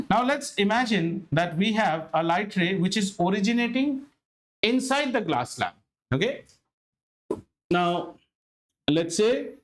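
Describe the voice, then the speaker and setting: A male schoolteacher with an Indian accent and a high-pitched voice. He explains in an animated, interactive way, repeating key phrases for emphasis and putting rhetorical questions to his students. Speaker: school physics teacher. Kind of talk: interactive classroom lesson.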